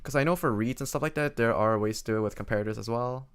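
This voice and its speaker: A man streaming games, chatting casually in a quiet, low-energy way as his voice starts to go hoarse. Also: fast talker. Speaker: game streamer.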